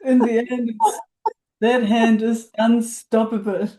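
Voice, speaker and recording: A woman on a video call, speaking quietly and soothingly as a supportive coach. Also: fairly high pitch, little pitch movement, slow, low-quality recording. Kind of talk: gentle supportive talk.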